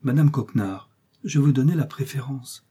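A man's voice: medium pitch, normal speed, warm tone, husky, voice pushed up, natural voice. A man voicing a vain, boastful musketeer who speaks in a pompous, self-important manner, in a storybook reading. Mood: aggrieved.

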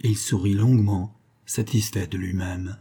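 A man narrating a literary story in a measured, even reading. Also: on the low side, husky. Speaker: audiobook narrator.

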